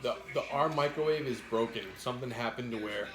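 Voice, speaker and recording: A man chatting casually as he co-hosts an eating show, with halting, repeated words and some mild swearing. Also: mid-range voice, a crowd in the background. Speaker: mukbang co-host. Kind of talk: casual chat while eating, answering viewers. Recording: roomy, echoey indoor sound.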